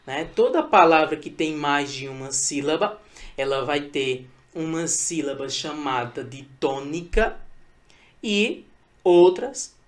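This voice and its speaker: A man with a Brazilian Portuguese accent teaching a recorded lesson, explaining patiently and repeating points, often checking in with a quick question tag. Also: fairly high pitch.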